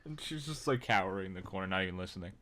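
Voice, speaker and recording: Deep-voiced young man running a tabletop game. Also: racing, a crowd in the background. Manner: relaxed, laughing, hesitant with fillers. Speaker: dungeon master.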